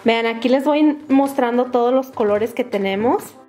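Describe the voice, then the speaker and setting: A woman with a Latin American Spanish accent hosting a children's toy video in a bright, sing-song, excited manner. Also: fairly high pitch, normal speed. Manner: bright, sing-song, excited, addressing little viewers with diminutives. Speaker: host of a children's toy channel. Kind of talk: toy unboxing and craft narration for children. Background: background music.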